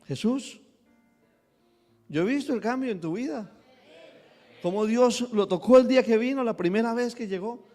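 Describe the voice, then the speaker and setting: A man with a high voice preaches a sermon, jumping to loud emphasis and quick acted asides. His voice rings through a church hall with a long reverb. Faint music plays underneath. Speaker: pastor.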